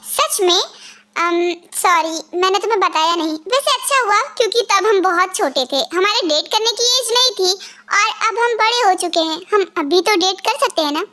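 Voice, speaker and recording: A woman's voice: extremely high pitch, lively intonation, moderate pace, heavily acted. A woman voicing a shy, earnest young wife and new mother in an amateur fan dub. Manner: soft, earnest, a little worried.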